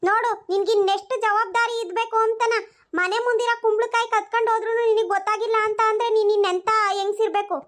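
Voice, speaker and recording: A performer doing a squeaky, fast-talking nagging village granny. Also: steady tone, fairly bright tone. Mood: scolding. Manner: scolding, grumbling to herself. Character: nagging old village grandmother, scolding and suspicious. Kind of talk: cartoon voice acting.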